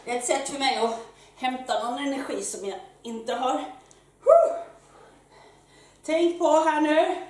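A woman fitness coach who is out of breath, leading a workout with energetic, loud exclamations while she exercises. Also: high voice. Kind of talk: live workout instruction. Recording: very echoey room, mic far off, faint noise.

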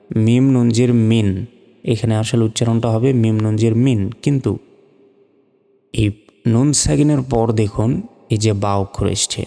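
A man teaching Quran reading step by step, patiently spelling out each syllable and drawing words out slowly. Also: on the low side, vocal fry, mellow, big-room sound.

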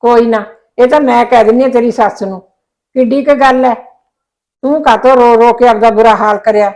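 A woman's voice: on the high side, steady tone, brisk, darkish tone, lightly acted, rough recording. An actress playing a caring middle-aged mother who coaxes and reassures her daughter in a drama. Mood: soothing. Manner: coaxing, reassuring. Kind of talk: Punjabi web drama acting.

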